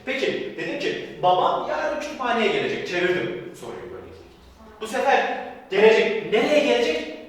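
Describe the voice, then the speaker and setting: A man's voice: sits high, big pitch swings, moderate pace. A man teaching grammar for an exam, stressing warnings and answering his own questions. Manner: emphatic, repeats warnings, asks and answers students' questions himself. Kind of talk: recorded exam-prep lecture. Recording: echoey hall from far off.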